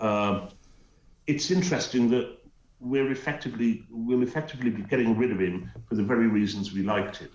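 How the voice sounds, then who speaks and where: Fairly quick and darkish in tone, this mid-range male voice belongs to a middle-aged Teesside commentator from North East England. Linked in from home to a talk show, he's emphatic and scornful, hesitating with many uhs, over lo-fi sound in an echoey room.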